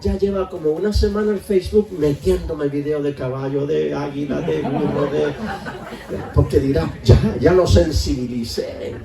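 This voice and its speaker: A man's voice: on the high side, steady tone, moderate pace, creaky, recorded from a distance, over a noisy crowd. An older man preaching a sermon as pastor, folksy and joking, then pleading in repeated prayers. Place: church hall. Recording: echoey church, voice from afar.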